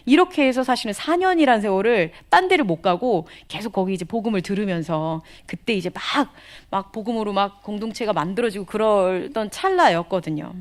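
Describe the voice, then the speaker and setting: A woman missionary giving a testimony sermon in a conversational, animated storytelling manner, sometimes dropping to whispered asides. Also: medium pitch. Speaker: missionary speaker.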